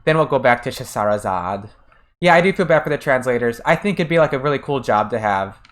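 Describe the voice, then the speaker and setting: An American game streamer chats casually as he plays, his voice medium in pitch, brisk, and lively in intonation. Between bits of gameplay he answers chat messages, often trailing off and starting his sentences over.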